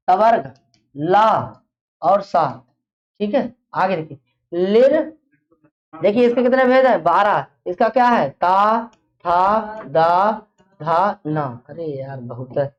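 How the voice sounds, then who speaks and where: A woman's voice: mid-range voice, animated, takes it slowly, pauses often. A woman teaching an exam-prep class, who fires off a question, repeats it, and then answers it herself. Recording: dull lo-fi classroom recording.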